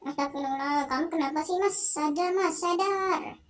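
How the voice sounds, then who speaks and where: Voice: high voice, steady tone, normal speed, close to an everyday voice. A young gamer reading out the lines of a frightened wife in a video game, pleading with her husband. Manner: pleading, distressed. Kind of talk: game dialogue read aloud.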